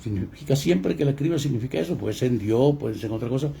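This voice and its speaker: A man's voice: medium pitch, expressive, fast talker, vocal fry, warm tone, slightly rough. A man giving a grammar lesson, asking rhetorical questions and stressing key points. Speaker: grammar teacher. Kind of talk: classroom lecture.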